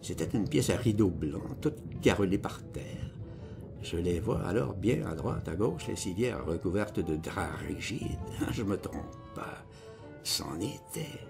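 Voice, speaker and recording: A man narrating a literary audiobook in an expressive, slangy first-person voice. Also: low voice, unhurried, vocal fry. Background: music.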